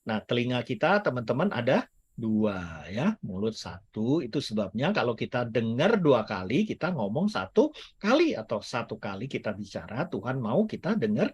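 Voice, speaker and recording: The recording is muffled, carrying a mid-range male voice with a breathy edge and a sing-song delivery at moderate pace. As a guest speaker, he offers a chatty teaching sermon with jokes and English phrases, at church or online.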